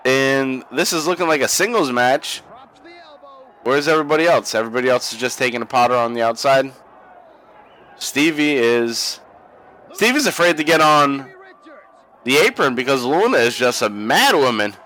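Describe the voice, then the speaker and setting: A man's voice: mid-range voice, animated, normal speed, long pauses, pushed and bright, rough recording. A young man co-hosting a podcast, watching old wrestling and chatting casually, profane and laughing a lot. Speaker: podcast co-host. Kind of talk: casual watch-along commentary.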